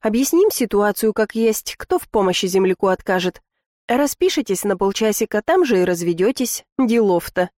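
A woman's voice: medium pitch, animated, normal speed, a little mellow, no echo, studio quality, natural voice. A woman reading an audiobook, voicing a brash adult man who is the heroine's long-lost brother, blunt and slangy. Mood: scheming.

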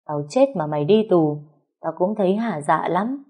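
A woman voicing a cruel older woman villain in an audio story, shrieking taunts in a shrill voice. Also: expressive, unhurried, a little mellow. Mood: taunting.

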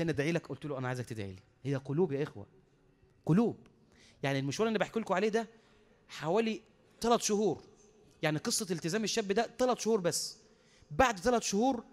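An Egyptian preacher with a notably high voice delivers a sermon. He talks at a very fast pace. His stories are emotional, and he acts out each quote before he urges his listeners on with fervour. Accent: Egyptian Arabic. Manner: impassioned exhortation.

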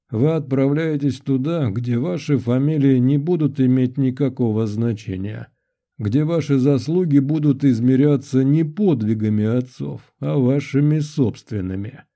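A man voicing a proud middle-aged nobleman, a commanding father who speaks in a booming, jovial but stern way in an audiobook. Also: expressive, a little slow, warm tone. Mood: solemn. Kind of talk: audiobook character voice.

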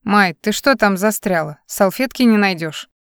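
A weary, level-headed young man musician, curt but patient, as a woman reader puts him on. The voice sits at a middle pitch and is heard close and dry. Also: lively intonation, normal speed, clear, resonant tone, dry recording, natural voice. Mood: concerned.

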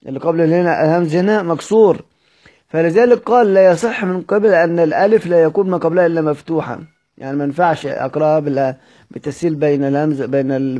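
A man's voice: a little high, mellow. A man with an Egyptian accent teaching Quran recitation. He reads a classical text aloud, then explains it in colloquial speech and keeps asking questions. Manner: slowly spells out word examples.

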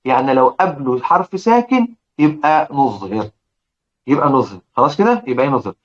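A man with an Egyptian Arabic accent teaching Quran recitation, slowly repeating example words and often checking that his listeners follow. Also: mid-range voice, lively intonation. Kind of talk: explaining lesson with recited examples. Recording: dull lo-fi recording.

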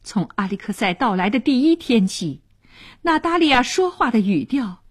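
A woman narrating a radio story in an expressive, dramatic way. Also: a little high, moderate pace, husky.

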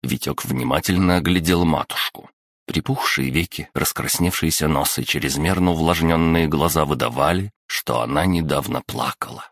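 Very deep-voiced male audiobook narrator. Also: normal speed, creaky, no room sound, clean studio sound. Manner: steady, expressive storytelling. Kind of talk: scripted narration.

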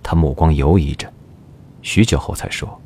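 A man's voice: a bass voice, normal speed, darkish tone, breathy edge. A man narrating a historical audio drama in a scripted, dramatic storytelling style. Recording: music behind the narration.

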